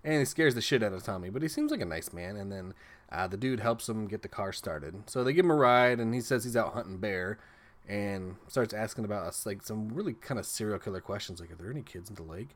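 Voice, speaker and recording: A man's voice: lowish voice, expressive, fairly quick, fairly bright tone. A man doing a comedic, profane recap of a horror movie, full of sarcastic asides. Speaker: movie review host.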